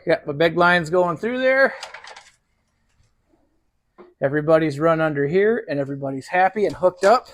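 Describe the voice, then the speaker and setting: A man's voice: on the high side, expressive, normal speed, long pauses. A man narrating casually to his viewers while he works on a tractor in his barn, in a folksy, easygoing way. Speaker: DIY tractor mechanic.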